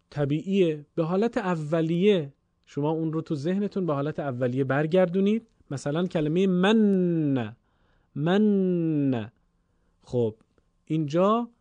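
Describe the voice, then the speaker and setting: A middle-aged man teaches a recorded recitation lesson in a patient, explanatory way. He often slows down to repeat example words. His voice is mellow and dark, recorded dry and close. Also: fairly high pitch, no room sound.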